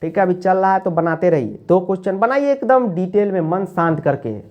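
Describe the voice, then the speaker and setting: A man's voice: sits high, brisk, lo-fi sound. A man teaching an online class, in a playful, coaxing manner, often checking whether students follow.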